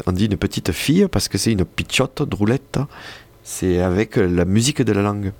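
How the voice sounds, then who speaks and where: A man's voice: fairly low pitch, normal speed, creaky, dry recording. A man explaining language points, hesitant and full of fillers and restarts. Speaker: co-presenter explaining the Occitan language. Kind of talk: reading aloud and casual explanation.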